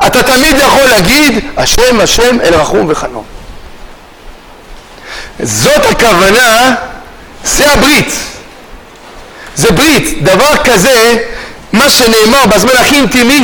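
A man's voice: high voice, sing-song, long pauses, crowd noise, poor audio. A man giving a sermon as a rabbi, telling stories and calling out to his listeners. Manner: storytelling, calls out to listeners. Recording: loud background noise.

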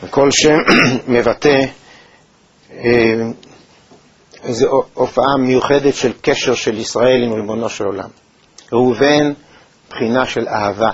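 A man teaching a Torah lesson in a measured, thoughtful way, with pauses and hesitations. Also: mid-range voice, steady tone, husky. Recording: dull, lo-fi recording.

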